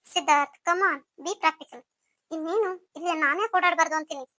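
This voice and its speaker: A woman's voice: very high voice, normal speed, bright, forceful tone, no room sound. A woman voicing a taunting scheming rival. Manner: mocking, teasing delivery. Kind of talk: melodramatic audio story acting.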